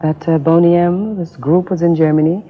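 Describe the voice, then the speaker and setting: A woman's voice: lowish voice, fairly even intonation, normal speed. A woman from Jamaica, a singer, telling her story in a chatty, self-mocking way with fillers. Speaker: singer, interview guest. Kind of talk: casual interview storytelling. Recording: dull lo-fi 1980s TV tape.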